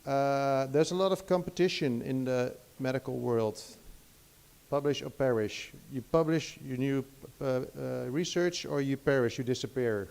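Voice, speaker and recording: A middle-aged Dutchman gives an academic guest lecture in English with a Dutch accent. His mid-pitched voice is gravelly and mellow, and at a measured pace he hesitates a lot, restarting sentences and filling pauses with "uh."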